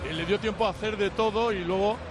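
A man's voice: high-pitched, fairly even intonation, quick pace, music in the background. A man giving live football analysis, explaining the play conversationally. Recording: clear background noise on live broadcast.

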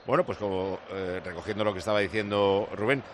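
A man's voice: on the low side, steady tone, brisk, slight background noise. A man giving casual football analysis as a pundit on a live match.

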